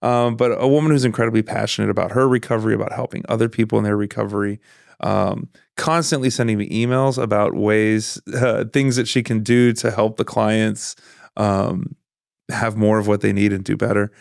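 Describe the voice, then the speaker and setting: Guy hosting a chatty podcast, kinda rambly, keeps restarting himself, gravelly voice. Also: on the low side, steady tone, a little fast, no echo, studio quality. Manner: rambling, self-interrupting, laughs often. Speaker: podcast host. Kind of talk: casual podcast interview.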